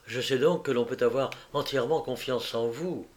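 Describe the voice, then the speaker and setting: A man's voice: mid-range voice, moderate pace, a little mellow, close to an everyday voice. A man reading aloud as an anguished, insistent young woman, raising his voice in pleading emotion. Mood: tense.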